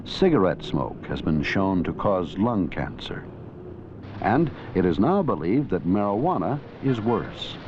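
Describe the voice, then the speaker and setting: A man with a low, slightly mellow voice narrates an educational film from a script, earnest and didactic in the manner of a documentary presenter. The soundtrack has the dull sound of a 1980s educational film.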